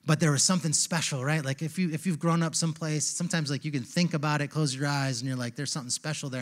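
Brief: man in his forties, pastor, conversational sermon storyteller, a bit high-voiced, handheld mic on a big stage. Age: 40s. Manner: conversational storytelling, turns hushed and reflective. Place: large church stage.

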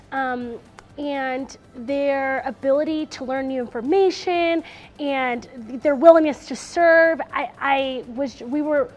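A young woman with a high voice reflects warmly and with energy. Soft music sits under her voice. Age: young adult. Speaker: student participant. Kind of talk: reflective interview.

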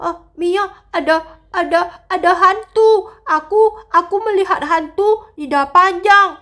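A woman's voice: very high-pitched, measured pace, a bit bright. A woman voicing a young boy who shrieks and stammers in alarm in a voice-acted game role-play. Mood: shaken. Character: young boy, skeptical then terrified.

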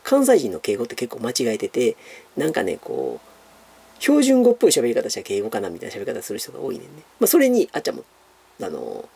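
A man with a Kansai accent rambles through viewer questions in a loose, chatty monologue. His voice is dark and gravelly with a raspy edge, and his pitch swings widely as he talks. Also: wildly swooping pitch, brisk. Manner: chatty, rambling, many fillers, calls himself by nickname. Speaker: YouTuber answering viewer questions. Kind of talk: casual Q&A monologue.

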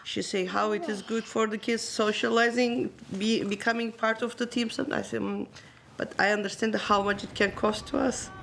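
A woman from Turkey with a Turkish accent, a Turkish native speaker, talking warmly and haltingly in a documentary interview. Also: medium pitch, steady tone, vocal fry, a little hiss or hum. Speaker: hockey parent.

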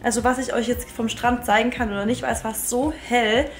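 A woman's voice: on the high side, fairly even intonation, a little fast, soft background music. A young woman vlogging casually to a handheld camera in an informal, chatty way, mixing in English slang. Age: young adult. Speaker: travel and food vlogger. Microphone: handheld camera at arm's length.

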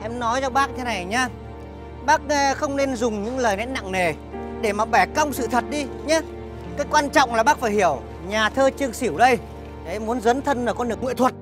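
A man playing a glib, flattering hustler in a TV comedy. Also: very high voice, fairly quick, over music.

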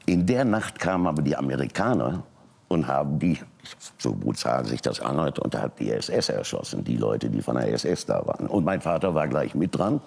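An older man, a talk show guest, telling a personal family story and acting out the people he quotes. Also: normal speed. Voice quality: very deep, gravelly and husky. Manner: animated retelling, voicing quoted people.

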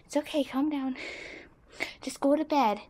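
A woman's voice: high voice, measured pace, dark tone. A woman voicing a doting young female hedgehog who coos and soothes in baby talk, in a plush toy video. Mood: soothing.

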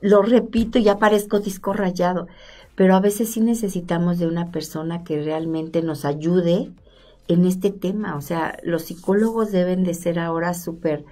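A middle-aged woman host speaks in a low, mellow voice at a desk mic. She agrees readily and drives her points home with emphatic remarks, while faint music plays underneath. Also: fairly even intonation, normal speed. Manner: warmly agreeing, emphatic interjections. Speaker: talk show host. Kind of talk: casual interview chat. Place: studio with stone wall, seated at table. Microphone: desk microphone.

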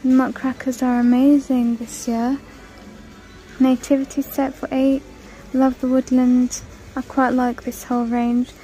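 Filming a casual shop-with-me walkthrough on her handheld phone, a vlogger wanders a large store, chatting and naming prices. Her high-pitched voice stays level and warm at a measured pace, with faint music behind her on a low-quality recording.

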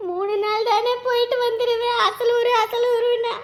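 A panicked village wife, played by a woman in a rural drama, her very high voice breaking into wails and pleading lines. She sounds frantic and fearful throughout. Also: level tone, normal speed. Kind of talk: rural Tamil drama acting.

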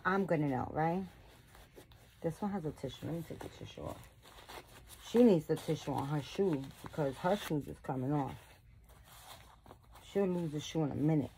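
A woman's voice: fairly low pitch, dark tone, a little hiss or hum. A woman vlogging about her doll collection in a casual, rambling chat with her viewers, gushing and full of "like" and restarts. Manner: gushing, affectionate; fond of chatty asides to "guys".

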